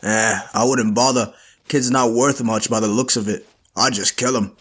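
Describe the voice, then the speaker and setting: A man voicing a callous, gruff soldier with a dismissive manner. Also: mid-range voice, steady tone, moderate pace, close to an everyday voice. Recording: loud background noise.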